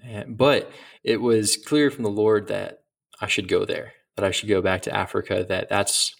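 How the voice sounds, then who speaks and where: A man's voice: lowish voice, steady tone, normal speed, gravelly. A middle-aged man speaking as a missionary guest in an interview, earnest and reflective, often restarting his sentences. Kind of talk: casual interview talk.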